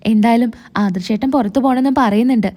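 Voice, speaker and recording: A gentle, coaxing sister-in-law, read by a woman, high and mellow-toned. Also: quick pace, natural voice. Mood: soothing. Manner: soothing, coaxing. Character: caring younger sister-in-law, soothing.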